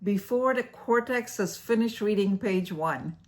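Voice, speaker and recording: Slow, playful woman explaining brain science. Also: medium pitch, a little mellow. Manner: playful and theatrical, laughs at her own jokes. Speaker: host of an educational series. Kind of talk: scripted explainer narration.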